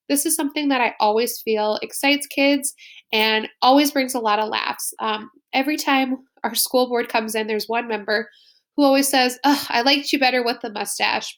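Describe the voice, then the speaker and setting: A woman's voice: on the high side, fairly bright tone. A woman school librarian narrating a slide presentation in an upbeat, explanatory way.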